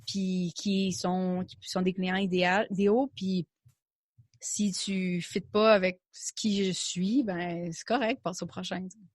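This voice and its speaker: A woman's voice: on the low side, steady tone, unhurried, dry recording. A young adult woman with a Québécois French accent, a podcast guest talking candidly and chattily, slipping in English words and restarting her sentences. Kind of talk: casual interview chat.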